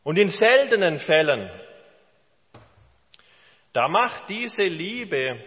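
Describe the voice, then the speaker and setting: A pastor gives his sermon in a slow, deliberate way, leaning on pauses for emphasis. His voice sits a little high for a man. The recording is dull and carries the long reverb of a church hall.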